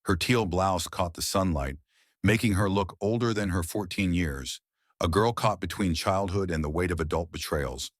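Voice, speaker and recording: A man narrating a family drama story in a measured, dramatic way. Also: low-pitched, dry recording, clean studio sound. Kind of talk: scripted narration.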